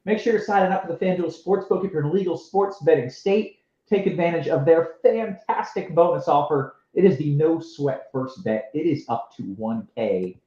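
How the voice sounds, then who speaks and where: A man's voice: a little high, expressive, moderate pace, warm tone. A man hosting a casual live sports stream, sounding muffled and underwater through his headset mic, laughing easily and joking around. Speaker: show host. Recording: muffled echoey headset line.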